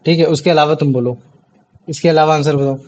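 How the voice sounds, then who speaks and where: A man's voice: a little high, steady tone, fairly quick, a little mellow. A man teaching a science class, explaining step by step and often checking with his students. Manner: explains with many tag questions. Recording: dull lo-fi audio.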